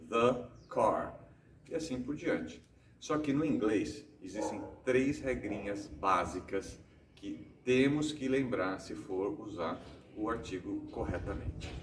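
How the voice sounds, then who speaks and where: A Brazilian man hosting a casual English lesson from home, explaining rules with rhetorical questions and slowing down to stress his examples. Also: mid-range voice, echoey room, recorded from a distance, a little hiss or hum. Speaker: English teacher and host.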